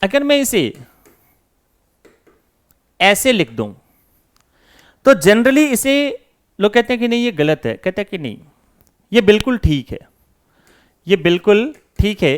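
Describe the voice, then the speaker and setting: A man's voice: high voice, sing-song, measured pace, long pauses, clean tone. A man teaching English grammar in Hindi, asking and answering his own questions as if voicing his students. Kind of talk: classroom lesson.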